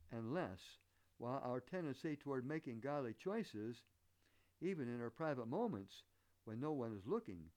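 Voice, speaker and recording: This man comes from the northern United States but has picked up a Southern American accent, and he preaches a sermon illustrated with anecdotes. His voice is medium-pitched and darkish in tone. He speaks earnestly and deliberately, posing rhetorical questions.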